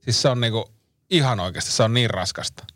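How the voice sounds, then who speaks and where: A man's voice: on the low side, fairly bright tone, dry recording, studio quality. A man co-hosting a casual podcast, swearing freely and laughing often as he reads out listener questions. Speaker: podcast co-host.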